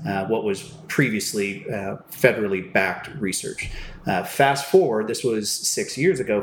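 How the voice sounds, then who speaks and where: A man explaining his business in an interview, with halting, broken phrasing and frequent hesitations. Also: fairly low pitch. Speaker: entrepreneur and company founder being interviewed. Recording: roomy echo with faint background noise.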